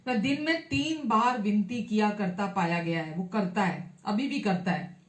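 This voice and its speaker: A woman pastor giving a sermon, reading scripture aloud and then explaining it in her own words, with frequent pauses and amens. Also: medium pitch, reverberant.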